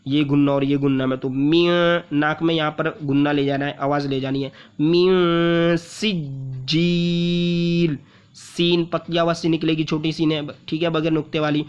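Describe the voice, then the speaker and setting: A man teaching Quran recitation, explaining pronunciation rules patiently and repeating syllables slowly to demonstrate them. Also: a little high, level tone, clean tone. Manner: patient, repeats syllables and drags out long vowels while demonstrating. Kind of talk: explaining tajweed rules step by step. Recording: muffled lo-fi audio.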